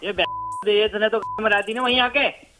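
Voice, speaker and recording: Brief: a high-voiced man on a phone call, indignant and scolding. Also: a little slow, sharp tone, a little hiss or hum. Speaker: prank call victim.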